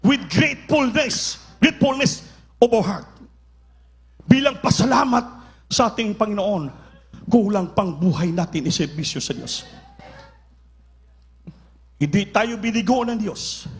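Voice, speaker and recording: A man's voice: sits high, expressive, measured pace, long pauses. A man from the Philippines, preaching a sermon with passion and calling on the congregation to answer him. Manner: impassioned, repeating calls for the congregation to answer, rising to shouts.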